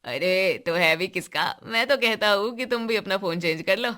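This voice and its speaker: A woman voicing a teenage boy who speaks low and snaps when teased, in a cartoon story. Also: lively intonation, sharp tone. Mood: boastful. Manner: low and sulky, quick to snap. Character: teenage boy, proud, touchy about home.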